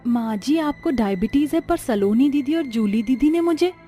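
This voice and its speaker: A woman's voice: high-pitched, animated, normal speed, mellow, soft background music. A woman voicing a meek, simple young bride who pleads humbly with her mother-in-law. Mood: humble. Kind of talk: dubbed cartoon story voice.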